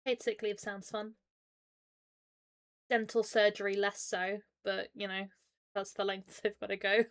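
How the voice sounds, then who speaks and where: A British woman live streamer with plenty of vocal fry, chatting informally to viewers. She talks through a sore, swollen side of her mouth from dental pain, with an apologetic, chatty manner. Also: medium pitch, level tone, unhurried. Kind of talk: casual livestream chat.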